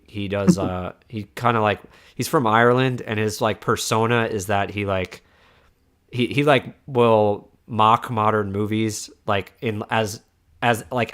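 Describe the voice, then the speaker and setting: A man with a lowish, slightly bright voice hosts a casual streamed podcast chat. Winding down with his guest, he rambles, frequently starting over and dropping in fillers.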